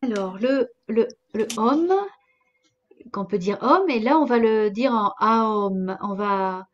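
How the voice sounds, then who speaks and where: A woman leading a guided breathing session with calm, unhurried cues, heard over a call. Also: medium pitch, muffled recording. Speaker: meditation guide.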